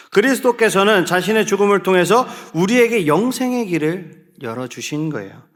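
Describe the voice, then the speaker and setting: A man preaching a sermon to a youth group in a church, often asking the listeners questions and calling on them to read aloud together. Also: high voice. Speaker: youth pastor.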